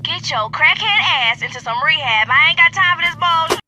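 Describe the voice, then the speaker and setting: A woman's voice: high voice, expressive, a little fast, pitched above the performer's own voice, exaggerated voice. Brash, out-of-patience woman, piercing and tense, put on by a streamer, on a lo-fi clip with faint hiss. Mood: fed up. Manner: loud, blunt, profane.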